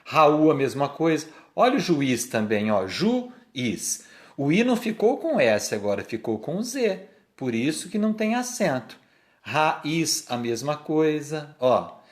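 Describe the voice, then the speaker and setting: Male teacher, Brazilian Portuguese accent, animated pitch, patient explaining manner. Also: normal speed, few pauses. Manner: patient, repetitive, stretches key words. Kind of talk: explanatory grammar lesson.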